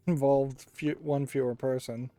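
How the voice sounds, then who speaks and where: A man's voice: medium pitch, flat delivery, takes it slowly, warm tone. A man giving casual, analytical video game commentary, musing aloud as he plays. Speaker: host of a video game playthrough. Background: game music.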